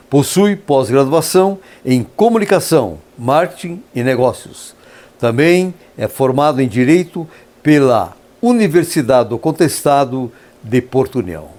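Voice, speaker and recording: A man's voice: fairly high pitch, darkish tone. A man hosting a radio interview in a studio, speaking in a formal, ceremonious way and praising his guest in flowery terms. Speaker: radio interview host, professor.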